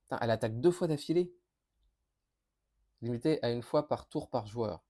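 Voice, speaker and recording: A man talks through new game cards in a loose, chatty preview. He reads each card, stumbles, corrects himself and reacts as he works it out. His voice sits at a middling pitch, neither high nor low. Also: lively intonation, normal speed, warm tone. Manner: thinking aloud, reading cards with many fillers and restarts. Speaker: board game youtuber. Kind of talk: casual card preview commentary.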